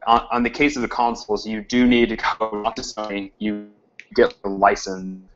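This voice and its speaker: A man with a lowish voice explains a technical point at length in an online team meeting, stopping and restarting as he goes. The call audio is muffled, with a faint hiss. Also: fairly even intonation, normal speed. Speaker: team member. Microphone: computer mic on a video call.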